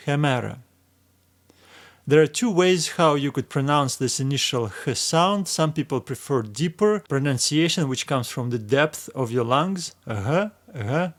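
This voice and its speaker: Patient male Greek teacher, mid-pitched voice. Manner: patient, repeats each word three times. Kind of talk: instructional video lesson.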